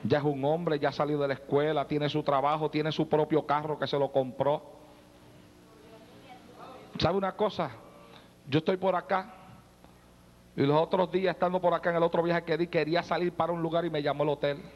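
A man's voice: on the high side, steady tone, brisk, long pauses, in a large hall. A man in his forties preaching a fervent sermon, questioning the congregation directly and breaking into tongues. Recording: dull lo-fi recording.

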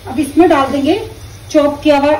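A woman calmly explaining each step of a recipe while she cooks at her stove at home. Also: sits high, normal speed, far from the mic, background noise. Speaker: home cooking teacher. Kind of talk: step-by-step cooking instruction.

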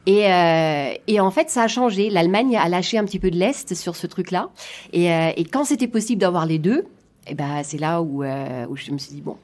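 Low-voiced woman with a German accent in French. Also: moderate pace, darkish tone, no room sound. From southwest Germany. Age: 50s. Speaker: podcast guest, coach. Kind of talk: casual interview storytelling.

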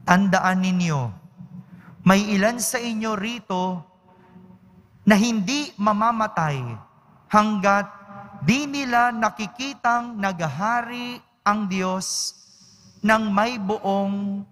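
A man, a priest, reading the gospel and preaching at Mass in a slow, measured, solemn way. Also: high-pitched, a bit bright. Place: large church. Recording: echoey church hall.

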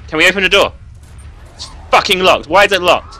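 A man's voice: high voice, a little fast, sharp tone. A young man, nervously commenting and swearing while playing a horror game for viewers. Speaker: gaming video host.

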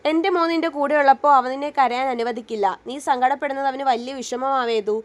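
Woman voicing a soft motherly mother-in-law, high voice. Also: quick pace, natural voice. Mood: gentle. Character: kind middle-aged mother-in-law, gentle.

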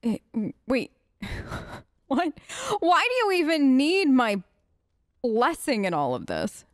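Slow and high-pitched with huge swings in pitch, this clear-voiced gamer voices her character in casual, improvised role-play over gameplay, sounding informal and unsure as she thinks aloud. It's a close-mic, clean studio recording with no room sound.

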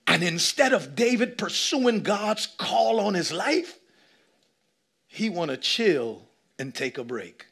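Bright-voiced pastor preaching with shouts. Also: male voice, takes it slowly, husky. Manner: animated preaching, shifting between loud shouts and low asides; casual, joking and acting out little scenes. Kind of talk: sermon. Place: church stage with a seated audience.

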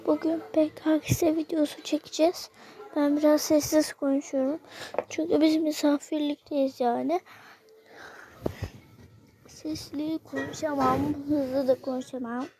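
A woman's voice: high-pitched, little pitch movement, unhurried, noisy background. A woman giving casual gameplay commentary indoors, chatty and talking straight to her viewers. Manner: chatty, addresses viewers as "arkadaşlar" often. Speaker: gaming vlogger. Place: indoors at someone else's home.

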